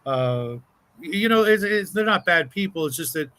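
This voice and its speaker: A man's voice: fairly high pitch, expressive, moderate pace, a bit bright, dry recording, low-quality recording. A man chatting on a live stream who stammers and repeats his words as he goes. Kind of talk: casual chat on a live stream.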